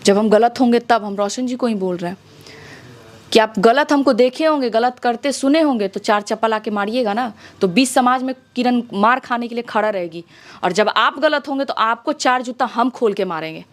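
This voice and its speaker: Speaking at a normal speed in a fairly high voice, a young music-video actress with a Bihari accent is being interviewed. She presses her complaints with insistence and emphasis, tossing out rhetorical questions again and again.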